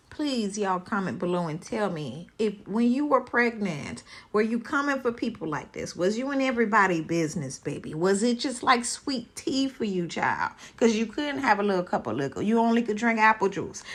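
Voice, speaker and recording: Sassy, profane woman dishing gossip. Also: medium pitch. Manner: addresses viewers directly. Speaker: show recap vlogger. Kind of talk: casual reality-TV recap.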